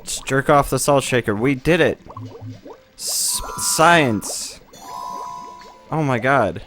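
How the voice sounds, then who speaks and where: A man's voice: mid-range voice, takes it slowly, a bit bright, soft background music. A man giving laid-back, joking gameplay commentary and swearing freely as the host of a let's play.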